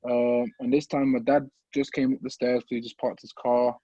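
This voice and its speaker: A young man from the Midlands, a podcast guest telling an emotional personal story, halting and repeating words as he holds back tears. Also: mid-range voice, flat delivery, mellow, dry recording, dull audio. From English Midlands.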